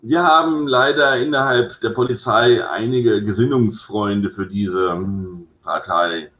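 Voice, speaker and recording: A careful, wry police president who chooses his words and sighs over delicate matters, as a man reads him aloud. The voice sits low, and the recording is roomy and a little muffled. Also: a little slow, a bit bright. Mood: wry, cautious. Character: male police president, friend of the inspector, cautious. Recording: roomy echo, slightly dull sound.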